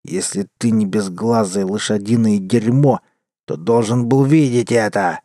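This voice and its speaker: Man doing a slow snarling gunslinger. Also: fairly low pitch, dark tone, no room sound, studio quality, close to an everyday voice. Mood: menacing. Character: menacing gruff cheating gambler, man. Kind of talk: audiobook character voice.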